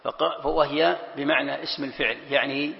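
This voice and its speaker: Gravelly man teaching a Quran lesson. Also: on the high side, steady tone, moderate pace, in a large hall, dull audio. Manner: explains step by step, repeats key phrases. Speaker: sheikh teaching Quran commentary.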